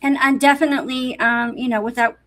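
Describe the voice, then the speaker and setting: A woman with a high, slightly bright voice speaks briskly and steadily in a casual spiritual conversation. She talks about her beliefs in a reflective, plain-spoken and opinionated way.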